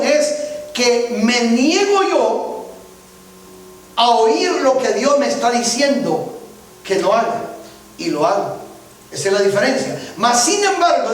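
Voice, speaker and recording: A man preaching a sermon as pastor, often checking that the congregation follows him. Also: extremely high pitch. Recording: very echoey church from far off.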